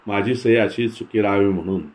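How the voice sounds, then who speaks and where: A man voicing a grave, steady young wrestler hero who speaks calmly and seriously. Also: lowish voice, normal speed, lightly acted. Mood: grave tender. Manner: grave and calm.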